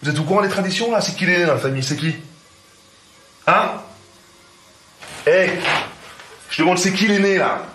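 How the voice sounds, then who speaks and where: An actor playing a loud, bossy young man who demands respect as the eldest, shouting confrontationally. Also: sits high, normal speed, long pauses, noisy background, lightly acted. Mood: indignant. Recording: film clip, roomy, loud music behind.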